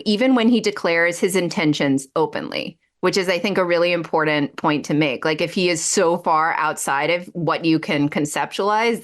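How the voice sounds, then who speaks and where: A woman co-hosting a political podcast, reading quotes in a measured way and then commenting wryly. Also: fairly low pitch. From daughter of immigrants. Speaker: podcast co-host.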